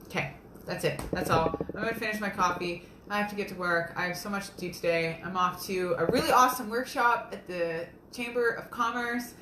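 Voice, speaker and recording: A woman's voice: mid-range voice, a little fast, reverberant, noisy background. A young woman, a self-published romance author, chatting casually and earnestly on a live video from her kitchen. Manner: chatty, rambling, earnest and upbeat. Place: home kitchen.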